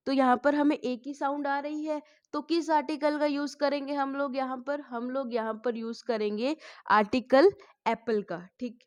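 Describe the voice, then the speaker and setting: Lady teacher running an english class, fairly high voice, keeps asking "what do we use?" and answering it. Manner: asks the class questions and answers them herself. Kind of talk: spoken English lesson.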